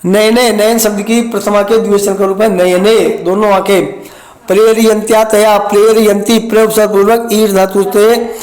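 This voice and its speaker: A man with a high voice gives a recorded lecture on a Sanskrit poem. He recites a line, then breaks it down word by word and explains the grammar. The room around him has a noticeable echo. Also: little pitch movement, normal speed, darkish tone. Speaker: Sanskrit teacher.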